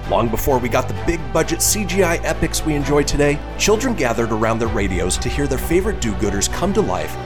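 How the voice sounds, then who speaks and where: Music plays behind a middle-aged man reading a scripted podcast introduction. His medium-pitched voice swings in a lively, theatrical presenter manner. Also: fast talker, hardly any pauses. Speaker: podcast host.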